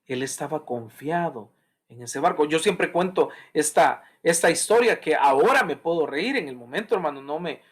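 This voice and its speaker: Man, pastor, sermon, swooping animated pitch, acts out voices. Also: normal speed, breathy edge. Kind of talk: Bible study sermon.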